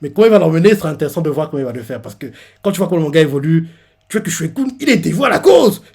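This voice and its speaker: Excitable man recapping a manga chapter. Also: a little high, racing, gravelly, slightly rough. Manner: excitable, filler-heavy retelling. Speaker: manga reaction youtuber. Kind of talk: casual chapter recap and reaction.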